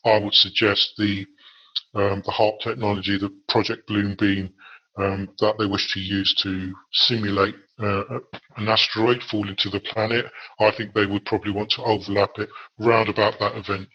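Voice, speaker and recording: A man from England answers in an interview with a low, flat voice that barely rises or falls. He is measured and hesitant, filling pauses as he goes. The audio is dull and lo-fi. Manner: measured, hesitant with frequent fillers. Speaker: guest researcher.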